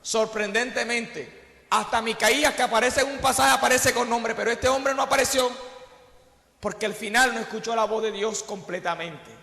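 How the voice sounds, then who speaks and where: A man's voice: very high voice, steady tone, moderate pace, gravelly, pushed and bright. A man preaching a passionate sermon in a church, often calling out "hallelujah" and "brother". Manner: impassioned, fills phrases with "aleluya" and "hermano". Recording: echoey church hall reverb.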